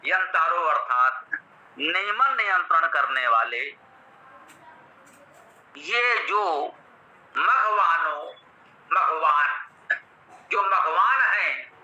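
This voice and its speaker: A man with a Hindi accent giving a measured, teacherly explanation of a scripture verse, repeating and glossing each term. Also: fairly high pitch, expressive, pushed and bright. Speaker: Vedic scholar explaining a mantra. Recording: roomy, slightly dull recording.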